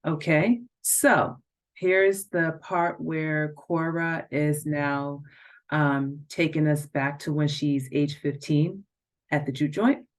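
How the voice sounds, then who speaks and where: A woman reads an excerpt of her own novel in a low, deep voice. She tells the story expressively and lifts her pitch to stress key moments. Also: takes it slowly. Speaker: author reading her own book. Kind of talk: reading a novel excerpt aloud.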